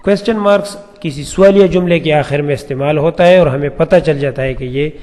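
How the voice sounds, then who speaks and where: A man teaches a grammar lesson in a fairly high voice. He explains each point patiently and reads example sentences slowly. The recording carries a long, echoing reverb. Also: a little mellow. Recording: echoey room with long reverb.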